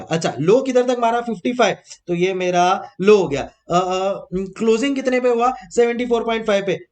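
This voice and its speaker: A man teaching an exam-prep lecture in a lively way, mixing English terms into his speech, repeating key points and calling his students "beta" in a fatherly tone. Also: high-pitched.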